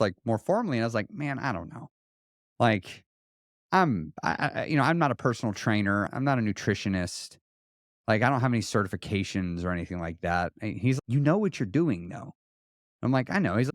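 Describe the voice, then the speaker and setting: Animated man telling his story. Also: medium pitch, dry recording, studio quality. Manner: animated, acts out quoted dialogue, frequent restarts. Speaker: weight loss coach, podcast guest. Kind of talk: conversational interview storytelling.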